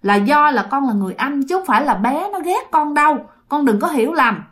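A gentle old grandmother speaks softly, patient and soothing as she explains to her grieving child, voiced by a woman storyteller. Her voice moves lively between high and low. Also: brisk.

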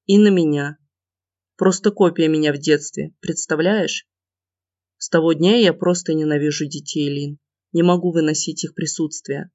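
A man's voice: a little high, dry recording. Man narrating a first-person audiobook. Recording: dull lo-fi dry recording.

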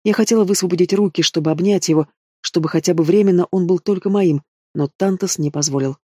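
A man reading a fantasy romance audiobook in first person, in an even, expressive way. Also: high-pitched, fast, no room sound, clean studio sound. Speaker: audiobook reader. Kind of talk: first-person novel narration.

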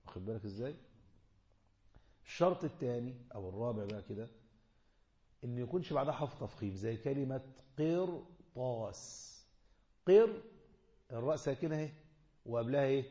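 A man's voice: mid-range voice, mellow. A man with an Egyptian accent teaching a tajweed lesson, quizzing the class and drawing out the example words in recitation. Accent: Egyptian Arabic. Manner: explanatory, asks the class questions and answers them himself. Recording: echoey, dull lo-fi room recording.

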